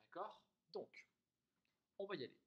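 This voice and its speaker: A man's voice: sits high, lively intonation, measured pace, highs cut off. A man teaching a music lesson, explaining rhythm and intervals patiently and singing syllables and note names, with a piano behind him.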